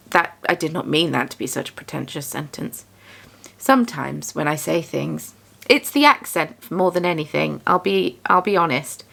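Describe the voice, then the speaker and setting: A young woman who dyes yarn and runs a small business narrates a casual vlog from her home craft studio. She talks through her craft work in a rambling, self-deprecating, chatty way, and her voice is lowish, creaky and fairly bright in tone.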